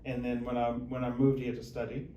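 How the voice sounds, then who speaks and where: Measured man from Zimbabwe, flat delivery. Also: mid-range voice, highs cut off, slight background noise. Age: 30s. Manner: measured, hesitant with many uh fillers. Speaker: guest, financial planner. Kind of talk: interview chat. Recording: echoey room, mic at a distance.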